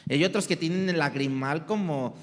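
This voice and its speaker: A man's voice: a little high, moderate pace. A man preaching a sermon in a conversational way, asking the congregation rhetorical questions. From Mexico. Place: church hall. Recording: long reverb of a church hall.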